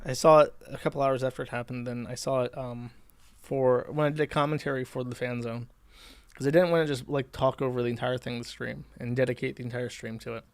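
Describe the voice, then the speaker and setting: A man's voice: medium pitch, level tone, quick pace, no room sound. Sardonic man, dry close sound. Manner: sardonic, rambling, with restarts. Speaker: streamer host. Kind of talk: monologue commentary.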